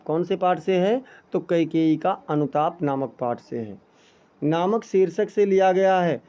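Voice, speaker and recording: High-voiced male teacher, dull lo-fi sound. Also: warm tone. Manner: poses questions and answers them himself, addresses students as children. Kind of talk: exam-prep lesson explaining Hindi texts.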